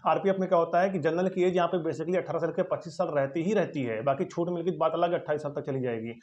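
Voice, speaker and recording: A man talks quickly and keeps encouraging his viewers. His voice sits fairly high, and he keeps tacking a quick "okay" onto his points. The recording sounds dull and lo-fi. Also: darkish tone. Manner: encouraging, fills lines with "ठीक है". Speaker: exam coaching YouTuber. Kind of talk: advice talk to viewers.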